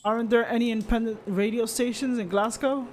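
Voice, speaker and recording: A man's voice: extremely high pitch, fairly even intonation, a little fast, darkish tone, slight background noise. A man reading the lines of a young woman traveler in a story game, asking plain, curious questions. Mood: inquisitive.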